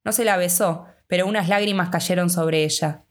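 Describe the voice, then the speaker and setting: Female audiobook narrator, Rioplatense accent, measured delivery, low-ish voice. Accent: Rioplatense Spanish. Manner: steady, measured reading. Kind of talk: scripted narration.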